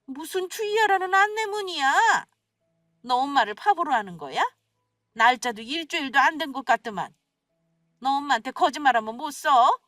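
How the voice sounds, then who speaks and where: A shrill older mother-in-law who scolds and accuses without letup, put on by a woman reading a radio story. Her voice sits high and leaps all over as she nags. The sound is dry and a little distant from the mic. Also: animated, normal speed, fairly bright tone, dry recording, faint music behind. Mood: furious. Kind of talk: scripted radio story acting.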